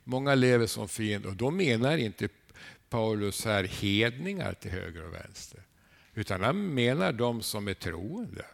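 Tacking a quizzical "eh?" onto his lines, a lowish, creaky-voiced preacher throws rhetorical questions at his congregation. His sermon is told as lively storytelling punctuated by abrupt jumps in loudness.

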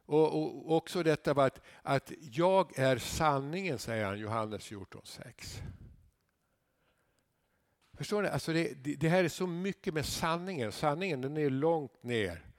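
Emphatic preacher, dry sound. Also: male voice, lively intonation, dry recording. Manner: swings from low murmurs to loud emphatic declarations, conversational asides. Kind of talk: sermon.

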